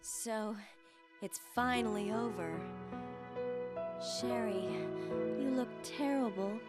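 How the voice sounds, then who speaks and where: A woman's voice: fairly high pitch, slow. An actress playing a brave young woman in a horror game, the final girl survivor, urgent and determined. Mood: weary resolve. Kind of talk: video game cutscene acting. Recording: loud game music over dialogue.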